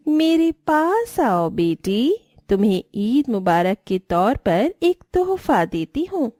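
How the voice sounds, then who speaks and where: A woman voicing a sly witch who poses as a poor lonely woman in a cartoon, speaking low and slow to lure a child. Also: big pitch swings, warm tone, dry recording, studio quality. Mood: coaxing. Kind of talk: Hindi cartoon voice acting.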